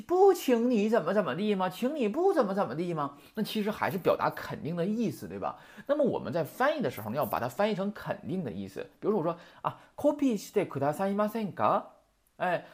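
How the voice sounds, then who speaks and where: Language teacher, quotes example sentences, animated pitch, checks understanding. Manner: constantly asks "right?" to check understanding; quotes example sentences, then explains them. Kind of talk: classroom lesson explanation.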